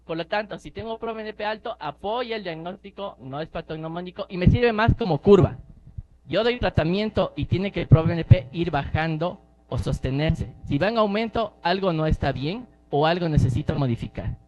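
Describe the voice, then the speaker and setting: A man's voice: high-pitched, lively intonation, normal speed, darkish tone. A man lecturing on neonatal medicine, explaining step by step with emphasis and rhetorical questions. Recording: slightly dull lecture recording with faint noise.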